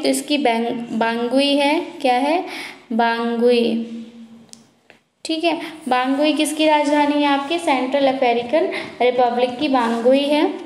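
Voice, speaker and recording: Young woman teacher, high voice, slow repetitive drilling, roomy echo. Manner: drills by asking and repeating answers slowly. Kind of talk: exam-prep lesson.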